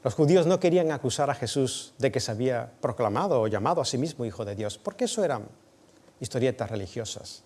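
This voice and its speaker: Expressive preacher. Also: male voice, medium pitch, fast talker. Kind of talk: dramatic storytelling sermon.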